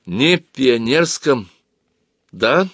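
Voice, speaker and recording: A man's voice: medium pitch, sing-song, slow pace, creaky, dry recording, studio quality, exaggerated voice. A man voicing a hot-tempered young girl pioneer who cries out shrilly in anger, in a storybook reading. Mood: bitter.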